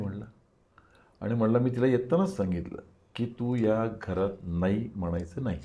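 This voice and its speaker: A man's voice: mid-range voice, a little hiss or hum. An older man, an interview guest, telling a personal story and acting out the dialogue of the people in it.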